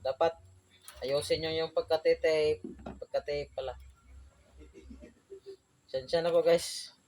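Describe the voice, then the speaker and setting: A young Filipino electrician vlogger from outside Manila chats casually through a job-site tutorial, constantly saying "guys." His voice is on the high side with fairly even intonation, slow, against a noisy background.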